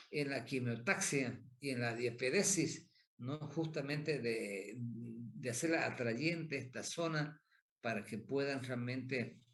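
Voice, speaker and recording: A man giving a lecture who asks questions and answers them himself, repeats key points and keeps checking in with tag questions. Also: medium pitch. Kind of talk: pathophysiology lecture.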